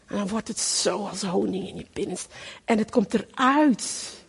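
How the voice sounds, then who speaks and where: A woman's voice: mid-range voice, moderate pace, creaky, breathy edge, long reverb tail. A middle-aged woman preaching a sermon in a fervent, emphatic way, repeating her phrases for weight.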